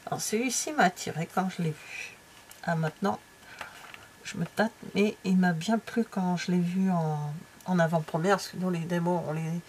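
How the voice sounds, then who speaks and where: A woman's voice: fairly low pitch, a little mellow, a little hiss or hum. A middle-aged French woman chatting casually as she flips through a craft catalogue, full of fillers and trailing asides. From France. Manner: chatty and hesitant, many fillers and trailing asides, drops to near-whispers. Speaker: craft vlogger flipping through a stamping catalogue. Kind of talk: casual chat.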